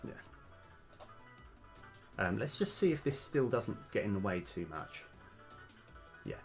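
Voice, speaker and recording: A man's voice: on the low side, big pitch swings, measured pace, faint music behind. A man streaming game development live, thinking aloud over his code with many hesitations, his voice slightly worn. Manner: hesitant, many ums, talks through code.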